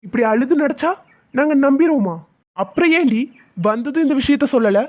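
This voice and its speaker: A woman's voice: high-pitched, expressive, normal speed, no echo, narrow, tinny audio. A woman voicing an angry young man who harshly accuses his fiancée in a cartoon. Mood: scornful.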